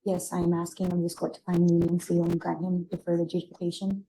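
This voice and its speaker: A woman with a low, very soft-edged, mellow voice testifies in court. She explains haltingly, and her intonation stays quite flat. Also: low-quality recording. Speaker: witness, relative of the defendant.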